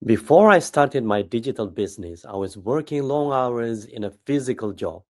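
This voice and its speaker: A man giving a steady, earnest personal testimonial. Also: mid-range voice, normal speed, slight background noise.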